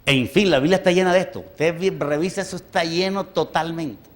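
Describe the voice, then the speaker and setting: Brief: male pastor, somewhat high voice, emphatic sermon delivery that swings loud and quiet, with frequent bursts of praise. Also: brisk.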